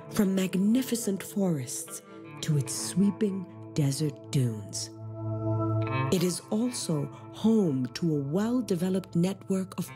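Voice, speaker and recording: Low-voiced woman narrating a nature documentary over music.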